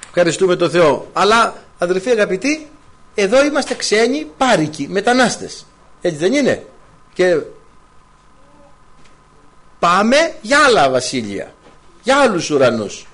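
A male preacher delivers a sermon in a fairly high voice that leaps up and down in pitch. He asks the congregation question after question and weaves in scripture. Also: long pauses. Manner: animated, rhetorical questions, quotes scripture.

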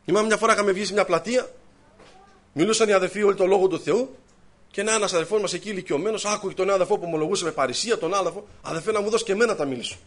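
A man preaching a sermon to his congregation, mixing personal stories with scripture, his voice swinging between loud, raised bursts and low, hushed asides.

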